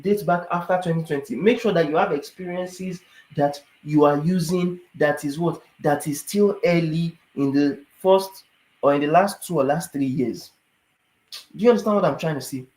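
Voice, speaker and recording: A man, slightly high-pitched, talks viewers through immigration requirements in an animated, rhetorical way. He keeps checking that they understand. He sounds tired, and his voice echoes around the room. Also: normal speed. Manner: animated, asks rhetorical questions, repeats "do you understand". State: tired, yawning. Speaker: immigration advisor. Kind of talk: casual explainer talk to viewers.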